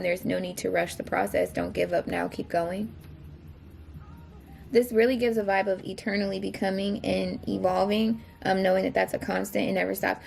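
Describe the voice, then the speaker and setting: A woman's voice: medium pitch, creaky, slight background noise. A woman doing a casual tarot reading, rambling and correcting herself as she goes, often asking if it makes sense. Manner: rambling, self-correcting, frequent fillers; asks the viewer if it makes sense. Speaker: tarot reader.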